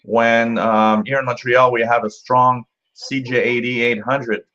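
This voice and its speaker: A man talks casually as the host of a hobby radio live stream. His medium-pitched voice is halting and explanatory, with slightly dull, lo-fi sound. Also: level tone, pushed and bright. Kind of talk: casual live commentary, answering viewers.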